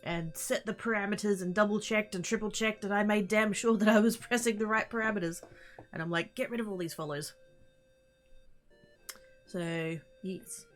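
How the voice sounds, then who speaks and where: Speaking in a mid-range voice at a moderate pace, a woman livestreamer rambles playfully with her viewers and is easily sidetracked. She greets chat informally. Faint music plays behind her.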